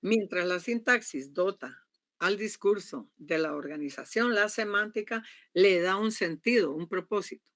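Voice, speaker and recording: An emphatic woman teaches a university class, often pausing to check that her students follow. Her voice sits at a medium pitch, and the recording is dry and close. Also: lively intonation, fairly bright tone, no echo. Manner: emphatic, keeps asking "¿verdad?" to check understanding. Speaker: university lecturer. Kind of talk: classroom lecture.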